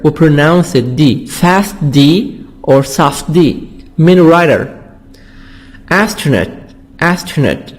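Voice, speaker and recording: Arabic-speaking male English teacher, slow, higher voice, repeats each word for drilling. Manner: repeats words slowly to drill pronunciation. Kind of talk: vocabulary lesson explanation.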